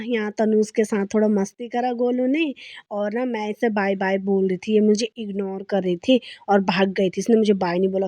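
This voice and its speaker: A young woman vlogger narrates her daily routine in a loose, chatty way, laughing as she tells small stories. Her voice sits fairly high but sounds mellow and soft-edged. The recording is dry, with no room sound. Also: no room sound. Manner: chatty, storytelling, often laughing. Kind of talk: casual daily vlog narration.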